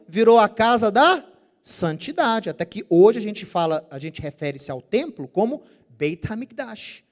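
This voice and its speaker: A man teaching a Bible study lecture, explaining Hebrew terms with care and asking rhetorical questions that he then answers himself. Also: high-pitched.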